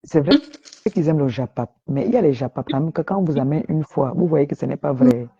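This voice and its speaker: A woman with a Cameroonian accent and a deep voice, chatting casually on a live stream and making her points emphatically. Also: lively intonation, quick pace, mellow, husky. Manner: emphatic, opinionated storytelling. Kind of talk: casual chat. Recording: dull lo-fi sound.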